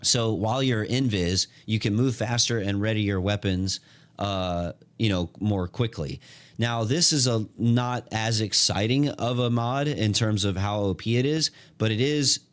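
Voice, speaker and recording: A man giving casual, excited gameplay commentary, full of slang, fillers and restarts. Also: on the low side, unhurried. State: hiccuping. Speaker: gaming content creator.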